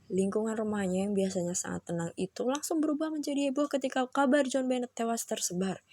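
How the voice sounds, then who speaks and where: A woman's voice: a little high, a little mellow, dry recording, studio quality. A woman hosting and reading scripted narration for a mystery countdown. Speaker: host of a true-crime countdown channel.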